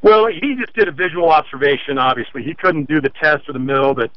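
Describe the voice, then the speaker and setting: A man phones in to a consumer-advice radio show and lays out his complaint step by step in a call-in conversation. His voice is on the high side and brisk, coming through a muffled, dry phone line.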